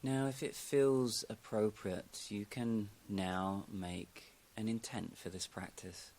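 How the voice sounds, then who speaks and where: Calm, gentle meditation instructions come from a man with a deep, strongly creaky voice, much like a yoga teacher. Each phrase is unhurried, followed by a long pause.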